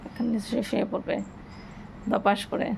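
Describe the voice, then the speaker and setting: A woman's voice: mid-range voice, flat delivery, brisk, gravelly, a little mellow, a little hiss or hum. A woman at home talking to her cats in casual chat, scolding and coaxing them in a singsong way. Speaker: pet owner vlogger. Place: home, bedroom.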